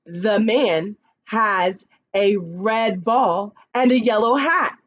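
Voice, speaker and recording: A woman who teaches kindergarten, reading picture books aloud slowly and expressively, with chatty asides to the children. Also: muffled recording. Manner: slow, expressive read-aloud with lively pitch, chatty asides.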